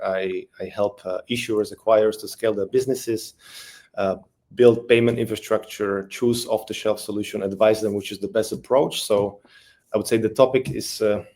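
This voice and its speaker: Host role: man, lowish voice, easygoing webinar moderator who talks with many fillers. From Slovakia. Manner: relaxed, friendly, frequent "uh" fillers. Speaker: webinar host, payments advisor. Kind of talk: business webinar conversation.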